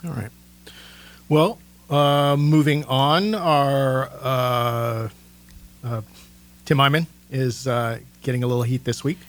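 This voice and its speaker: A man's voice: mid-range voice, steady tone, slow. A man hosting a casual political talk show, easygoing as he moves topics along. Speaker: talk show host moderating.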